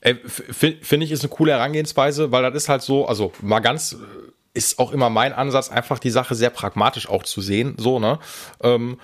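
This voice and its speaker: A man hosting a relaxed chat, rambling and slangy, full of fillers and restarts. His voice sits at an ordinary middle pitch. He talks in a loose, colloquial way. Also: a little fast. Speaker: host. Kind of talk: casual conversation.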